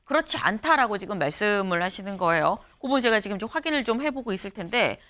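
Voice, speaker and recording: A woman's voice: medium pitch, animated, a bit bright. A woman anchoring a morning news panel, moderating and reading out poll numbers to guests. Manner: brisk, reads poll figures aloud. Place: TV studio.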